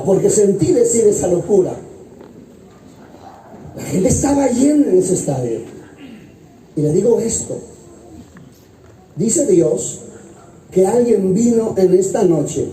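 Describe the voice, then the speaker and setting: A man, an evangelist pastor, preaching an impassioned sermon that swings between loud high exclamations and low hushed phrases. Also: slight background noise. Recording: roomy and distant with loud music. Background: loud music.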